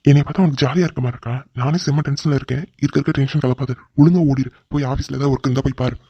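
A man's voice: mid-range voice, fairly even intonation, rapid-fire, mellow, slightly rough, no room sound. A man voicing a hot-tempered, newly married young boss in a cartoon drama, snapping out his lines. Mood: angry. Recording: dull lo-fi recording.

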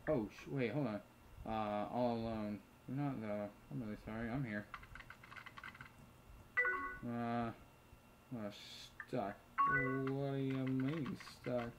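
A man hosts a let's play, casually commentating a chat game, reading messages aloud, muttering asides and swearing freely. His medium-pitched voice holds a steady tone and moves slowly with long pauses, over loud music and a rough recording. Loud keyboard clicks and typing sound behind him.

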